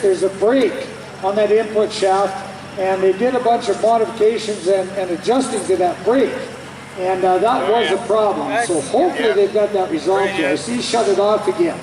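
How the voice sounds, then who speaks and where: A man commentating live at a tractor pull, explaining the technical side in a conversational way. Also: high-pitched. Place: outdoor tractor pull event. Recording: echoey distant PA over loud engine noise.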